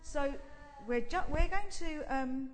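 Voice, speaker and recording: A woman co-presenting informally to a group, halting and conversational, in a reverberant hall. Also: sits high. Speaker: co-presenter at a church gathering. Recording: echoey hall with long reverb.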